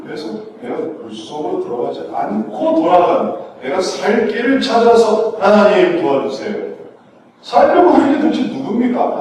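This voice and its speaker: A man preaching a sermon as pastor, animated, acting out people's inner thoughts and questioning his listeners. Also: sits high. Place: church sanctuary. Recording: echoey church hall, mic at a distance, background noise.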